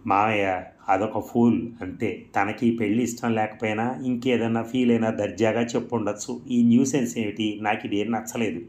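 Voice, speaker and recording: A man's voice: fairly low pitch, steady tone, moderate pace, a little mellow, natural voice. A man reading the lines of a blunt teenage girl, curt and scornful, in a storybook reading.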